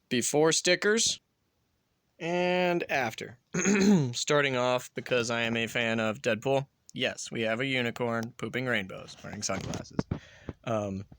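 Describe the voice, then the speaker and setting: A man with a smooth, clear voice of ordinary pitch talks to his viewers from indoors at home. His talk is loose and rambling, peppered with swearing and offhand asides. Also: fairly bright tone. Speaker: gun vlogger. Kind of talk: casual rambling chat. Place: indoors at home, near a bed.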